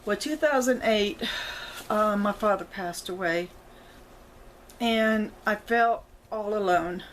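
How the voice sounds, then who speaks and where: A woman's voice: medium pitch, slow pace, slight background noise, low-quality recording. Teary, rambling woman. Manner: rambling, apologetic, self-correcting. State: emotional, on the verge of tears. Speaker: vlogger. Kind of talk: casual personal talk to viewers.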